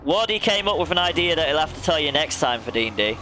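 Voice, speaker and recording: A man's voice: on the high side, big pitch swings, fast talker, sharp tone, a little hiss or hum. A young man streaming a racing game, chatting casually, laughing often and addressing viewers by name. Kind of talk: casual chat while gaming.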